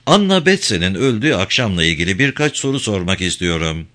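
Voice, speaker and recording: A man voicing a weary male detective who asks questions in a low, measured way, in an audiobook reading. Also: sing-song, pushed and bright, heavily acted. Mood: questioning.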